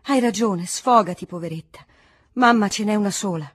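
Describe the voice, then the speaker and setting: Reader doing a weepy gushy cousin lady, a bit higher, husky, dry sound. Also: moderate pace, dry recording, lightly acted. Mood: consoling. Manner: emotional, exclaiming, lamenting. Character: tearful, effusive middle-aged woman cousin, fussy.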